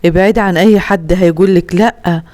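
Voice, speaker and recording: A woman's voice: lowish voice, fairly even intonation, a little fast, dark tone, dry recording. A woman from Upper Egypt with an Upper Egyptian Arabic accent, chatting earnestly with viewers as a home vlogger and giving heartfelt advice full of pious phrases.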